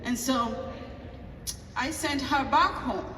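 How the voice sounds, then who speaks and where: A woman pastor with a Tanzanian accent and a fairly high voice tells a personal story at a table talk. She acts out the dialogue and pauses on fillers. She is heard from a distance in a long, echoing hall with faint ambient noise. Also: fairly bright tone.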